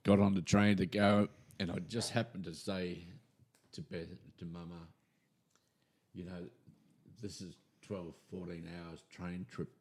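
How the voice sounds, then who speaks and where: An older Australian man with a low, mellow voice tells a story from his early life in an easy, chatty way. He slips into the voices of the people he quotes. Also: measured pace, husky. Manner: animated storyteller who acts out quoted voices. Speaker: podcast guest, retired minister. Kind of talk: casual storytelling chat.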